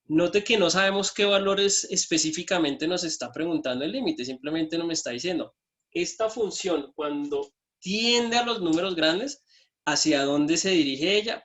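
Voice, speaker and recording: A man's voice: a little high, fairly bright tone. A man teaching an online math lesson from his computer, explaining each step and checking in with his students.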